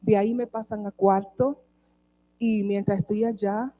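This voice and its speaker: A woman's voice: medium pitch, steady tone, a little slow, dark tone, low-quality recording. A woman preacher telling a personal testimony in a sermon, speaking with emotion and addressing the congregation directly.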